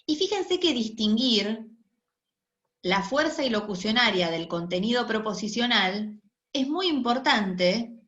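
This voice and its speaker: Her voice is a little high and a bit bright as this university lecturer teaches linguistics in a recorded online class, frequently checking in with listeners. The audio is dull and lo-fi, captured in an echoey room.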